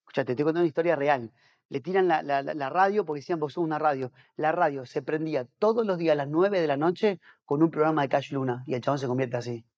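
Fast-talking pastor man, dull audio. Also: on the high side. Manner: rapid, animated storytelling with many restarts and repeated words. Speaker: pastor and missionary, podcast guest. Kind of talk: casual storytelling interview.

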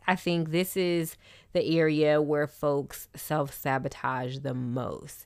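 A woman's voice: low voice, no room sound, clean studio sound. A woman talking candidly and expressively in a casual personal talk, with wry asides, as a host.

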